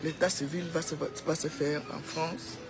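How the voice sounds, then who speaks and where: Unhurried and fairly even in intonation, this low female voice carries a Cameroonian accent. She's a social media commentator addressing followers in an informal, opinionated monologue, pushing them on and repeating phrases for emphasis.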